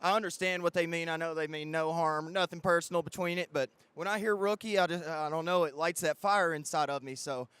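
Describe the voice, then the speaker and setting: A man's voice: fairly high pitch, brisk, few pauses, clear, resonant tone, no room sound. A young man, a drone racing pilot, talking casually in a post-race interview, full of fillers. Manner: relaxed, chatty, filler-heavy.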